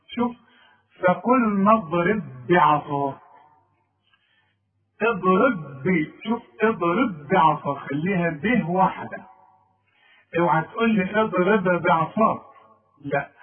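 Egyptian guy teaching recitation, keeps correcting and drawing sounds out slow, high voice, thin phone sound. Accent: Egyptian Arabic. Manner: corrective, repeats sounds slowly for a student. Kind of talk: tajweed lesson. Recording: tinny phone-like audio.

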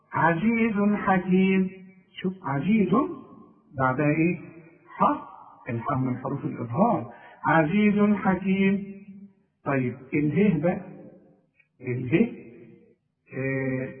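A man with an Egyptian Arabic accent teaching a tajweed lesson, drilling each example and chanting it slowly. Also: on the high side. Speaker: Quran recitation teacher. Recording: tinny lo-fi recording from far off.

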